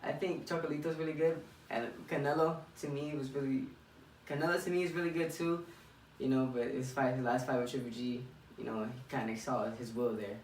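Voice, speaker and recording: A young professional boxer from Miami, United States, chats casually in an interview, thinking aloud and repeating phrases in a steady, mid-range voice at a fairly quick pace. The room is echoey, the mic distant, with faint noise.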